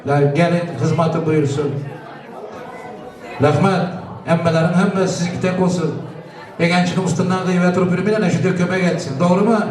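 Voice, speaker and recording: A man's voice: high voice, fairly even intonation, fairly quick, long pauses, darkish tone. A man who is a native Turkmen speaker, hosting a wedding party and announcing to the guests. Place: wedding celebration venue. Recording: echoey party hall, far-off, crowd noise. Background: crowd of guests.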